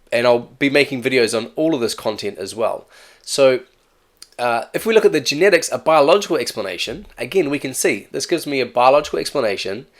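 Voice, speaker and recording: A man with an accent giving a casual, chatty exam-prep lesson, often correcting himself and asking "right?". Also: medium pitch. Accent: non-native or regional English accent. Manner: chatty, self-correcting, with frequent "right?" asides. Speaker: teacher.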